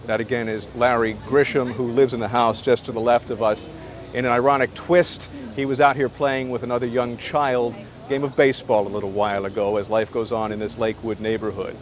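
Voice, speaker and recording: An American man anchors live breaking news outdoors in a residential neighborhood, using a handheld broadcast mic. His medium-pitched voice is flat and slightly fast, and the live outdoor TV audio picks up some noise.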